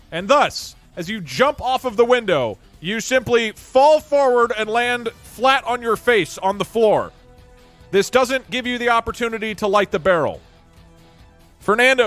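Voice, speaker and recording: A high-voiced man running a tabletop fantasy game as game master, setting scenes and calling for rolls. He narrates briskly and breaks in with lively, incredulous asides.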